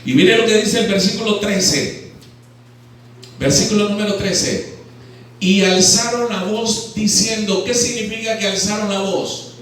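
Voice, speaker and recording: A Nicaraguan man preaches in a high, carrying voice, often turning to ask his congregation questions. His voice rings through a very echoey hall and is picked up from some distance off the mic. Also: steady tone, measured pace, fairly bright tone, a little hiss or hum. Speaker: pastor. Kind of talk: sermon. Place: church hall.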